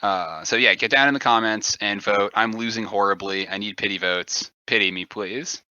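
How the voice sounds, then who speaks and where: A man's voice: lowish voice, normal speed, sharp tone, clean tone, no room sound. A young man co-hosting a podcast, casual and jokey, with a rambling way of talking. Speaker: podcast co-host. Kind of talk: casual chat. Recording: dull lo-fi recording.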